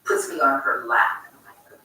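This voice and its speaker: An older woman telling a personal story to a group, chatty and animated, often breaking off mid-sentence and laughing. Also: brisk, distant mic. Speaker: congregant sharing a memory. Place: large community room at a congregation. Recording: echoey room recorded from afar.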